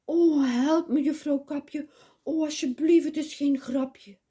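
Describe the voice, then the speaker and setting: A woman voicing a frightened little male pig in a storybook reading, high and loud, pleading and jittery. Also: expressive, slow pace.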